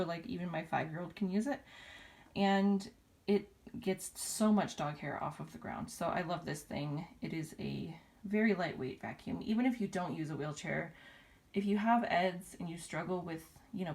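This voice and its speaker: A woman's voice: on the low side, lively intonation, moderate pace, creaky, a little mellow, husky. A woman in her thirties from the United States, chatting casually in a home vlog with frequent ums and laughs, a little winded. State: a little out of breath. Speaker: vlogger. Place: home room.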